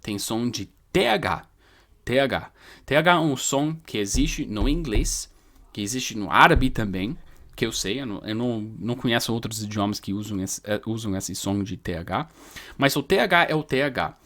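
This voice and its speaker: A man whose first language is English, teaching English pronunciation in Portuguese in a casual video lesson, telling stories and repeating sounds slowly. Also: mid-range voice, lively intonation, fairly bright tone. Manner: storytelling, spells letters out and repeats sounds slowly.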